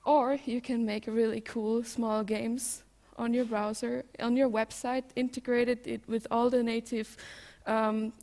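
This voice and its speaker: A woman with a fairly high voice and a Swiss German accent presents at a tech conference. She speaks informally, addressing listeners as a developer explaining her work. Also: flat delivery, a little slow, few pauses, darkish tone. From Switzerland.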